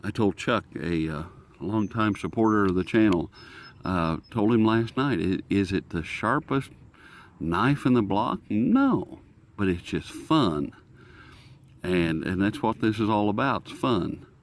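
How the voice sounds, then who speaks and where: With a shortwave radio being tuned in the background, a radio hobbyist channel host rambles folksily through an unscripted, casual demo, thinking out loud. His voice is on the low side, expressive and unhurried.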